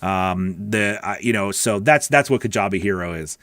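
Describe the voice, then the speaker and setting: Speaking at normal speed with a fairly low pitch and fairly bright tone, a middle-aged livestream host and coach answers questions in a casual, direct manner. He sits close to a boom-arm broadcast mic in a small home studio.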